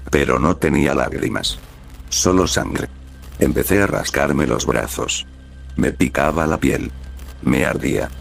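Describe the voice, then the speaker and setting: Brief: text-to-speech male horror narrator, deep and creaky, flat clipped delivery.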